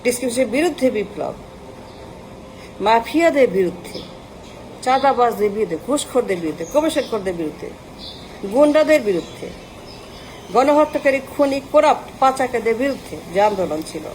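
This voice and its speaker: A woman's voice: fairly high pitch, lively intonation, brisk, pauses often, a little mellow, a little hiss or hum, rough recording. A woman giving an impassioned political rant, firing off long lists of insults and mixing in English words. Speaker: political commentator.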